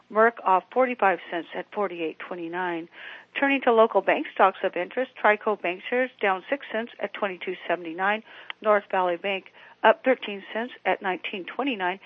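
A woman's voice: mid-range voice, no echo. A woman financial advisor reading stock prices in a scripted market report over a telephone line. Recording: narrow-band phone line.

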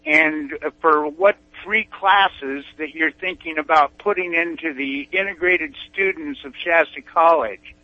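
A man's voice: fairly high pitch, no echo. A man calling in over a phone line to a talk show, speaking emphatically and indignantly and repeating his objections. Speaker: caller. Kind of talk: call-in comment to a talk show. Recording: dull, dry phone line.

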